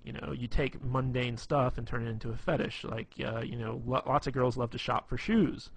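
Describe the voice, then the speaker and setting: Husky man giving rambling dating tips. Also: mid-range voice, normal speed. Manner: rambling, many fillers and restarts. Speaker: dating advice instructor. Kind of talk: casual tutorial talk.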